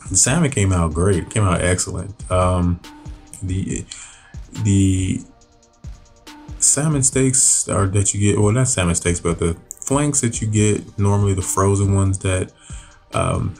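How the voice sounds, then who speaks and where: A very deep-voiced man hosts a cooking channel, narrating his grilled dish in a loose, relaxed voice-over. He wanders as he talks, with plenty of fillers and restarts, and faint soft music plays behind him.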